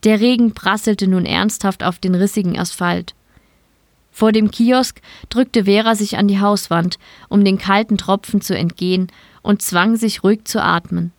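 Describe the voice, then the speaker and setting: A woman reading a short story aloud in calm, measured scripted narration. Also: medium pitch, dry recording, clean studio sound. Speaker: story reader.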